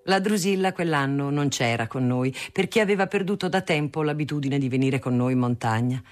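A reader narrating a family memoir aloud in a measured storytelling manner. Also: medium pitch. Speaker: audiobook reader. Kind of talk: reading a memoir novel aloud.

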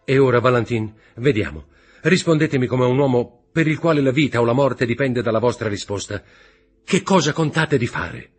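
A husky-voiced man playing an earnest young lover, speaking in a grave, intense way. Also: mid-range voice, a little fast, pitched above the performer's own voice, lightly acted. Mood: urgent. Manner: grave, earnest, slightly raised delivery.

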